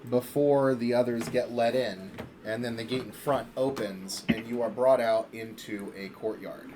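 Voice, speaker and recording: A man's voice: medium pitch, steady tone, a little slow. Young man, game master, loose rambling narration, faint background noise.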